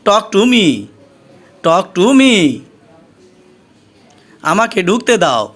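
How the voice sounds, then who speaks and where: A man with a Bengali accent teaching English, reading each short phrase twice, slowly and deliberately. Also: high-pitched, lively intonation, a bit bright. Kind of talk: slow repeated phrase drills for learners.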